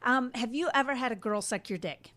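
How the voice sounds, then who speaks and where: A woman's voice: on the high side, brisk, fairly bright tone. Candid laughing woman podcast host. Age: middle-aged. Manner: candid and laughing, trails off mid-question. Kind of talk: casual chat.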